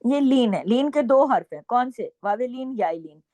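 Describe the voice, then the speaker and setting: A woman teaching Quran recitation rules, alternating slow drawn-out recited examples with brisk explanations and frequent "okay?" checks. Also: a little high, lively intonation, dry recording. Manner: repeats checks like "okay?" and scolds gently. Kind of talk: tajweed lesson with recited examples.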